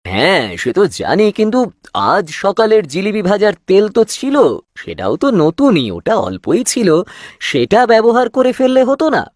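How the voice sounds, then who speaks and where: In cartoon fairy-tale voice acting, a man plays the grown, profit-minded son of a shopkeeper, sounding respectful yet hesitant as he wheedles, persuades and justifies himself. His voice is high with huge pitch swings at normal speed, captured as clean, echo-free studio sound.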